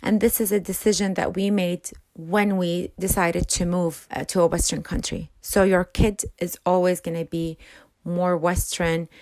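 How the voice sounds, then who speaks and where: A woman's voice: on the low side, flat delivery, a little slow, darkish tone, no echo. A middle-aged woman counselor who moved to a Western country, giving earnest, direct parenting advice to camera. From immigrant to a Western country.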